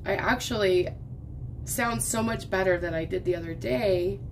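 Chatting at a moderate pace, a medium-pitched crafting vlogger in her thirties diamond paints at a craft table indoors, her talk rambling from thought to thought. She coughs as she gets over a lost voice, and the background is noisy.

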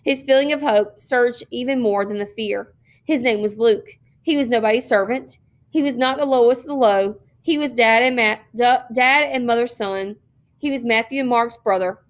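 A woman teacher reading a novel aloud, with steady, expressive narration and small slips. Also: a little high, moderate pace. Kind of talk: read-aloud storytelling.

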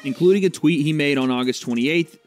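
A man's voice: fairly high pitch, a little fast, faint music behind. A man reading out a news story and giving his own take on it in a casual commentary. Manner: reads report text then adds own opinion.

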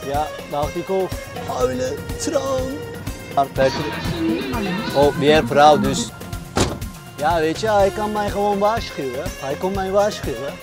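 A man's voice: a little high, measured pace, loud music behind the voice. A man driving a truck, talking casually to his viewers while he figures out his route, with many hesitations and fillers. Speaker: truck driver vlogger. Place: truck cab.

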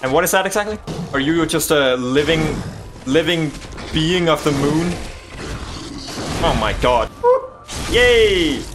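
A young man commenting on a video game he is playing, excitable and jokey, swinging between yelps and mutters. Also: on the high side, a little slow, pauses often, noisy background. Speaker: gaming YouTuber. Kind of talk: let's play commentary.

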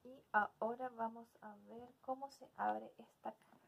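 A woman's voice: on the high side, fairly even intonation, unhurried, vocal fry, slight background noise. A young adult woman hosting a casual unboxing video, speaking with hesitant phrasing in a small indoor room. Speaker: video host.

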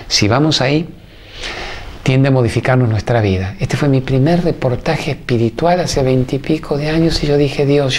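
A man with an Argentine accent hosting a show, giving an emphatic, preachy spiritual talk to viewers in strings of repeated phrases. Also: fairly low pitch. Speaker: host.

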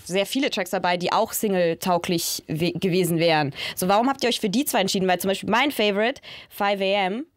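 A young woman hosts a studio interview, asking relaxed, slangy questions. She leans on fillers as she talks. She speaks into a handheld mic. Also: mid-range voice, a little fast, no echo. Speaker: interviewer, host. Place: music recording studio.

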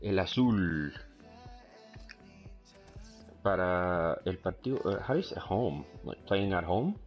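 Over soft background music, this man talks in a low, unhurried voice as he casually calls a football video game for his YouTube channel. English is his first language, and his Spanish carries a Chilean tinge; he mixes the languages, hesitates, leans on fillers and gets loudly excited at big plays.

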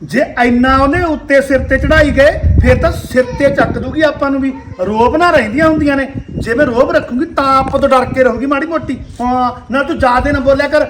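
A man's voice: very high voice, a little fast, few pauses, background noise. A man with a Punjabi accent playing a bossy, scolding old mother-in-law in a village comedy skit. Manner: scolding, sharp-tongued, cursing. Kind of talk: rural comedy skit acting.

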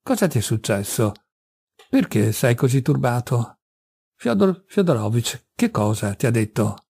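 A man's voice: medium pitch, big pitch swings, measured pace, vocal fry, a little mellow, slightly rough, no echo, heavily acted. A man reading aloud, voicing an anxious elderly aunt in her sixties or older who speaks in a fretful, alarmed way.

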